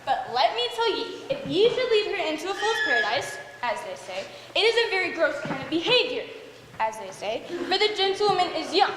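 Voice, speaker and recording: A woman's voice: extremely high pitch, very animated, fairly quick. A young woman acting the part of a fussy, chattering old nurse who complains of aches and weariness in a stage play, performing on a school stage. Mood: gossiping. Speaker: student actor. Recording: echoey hall, stage mics, faint room noise.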